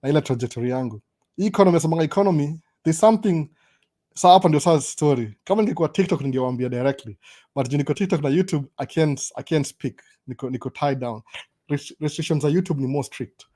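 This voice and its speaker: A man's voice: fairly high pitch, fast talker, dark tone. A young adult man with a Kenyan accent hosting a casual live stream, switching between Swahili and English and stammering through restarts. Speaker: host.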